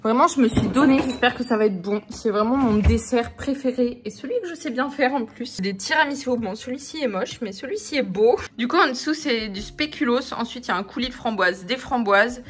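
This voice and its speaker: A woman's voice: fairly high pitch, fairly quick, few pauses, echoey room. A young woman vlogging casually and enthusiastically in her home kitchen, chatting freely with lots of fillers. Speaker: fitness and food vlogger. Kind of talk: casual vlog chat.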